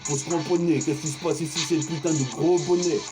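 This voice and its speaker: Over loud backing music, a fortysomething Frenchman improvises a rhyming, rhythmic freestyle rap, half-singing at times. He talks fast, with a fairly high pitch and steady tone.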